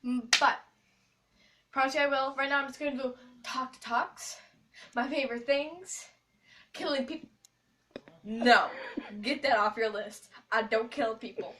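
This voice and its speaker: A woman's voice: sits high, a little slow, long pauses, a bit bright. A young, school-age female host talking to camera in a casual, rambling vlog, with a playful, silly, scattered manner. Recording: distant mic, noisy, clicks.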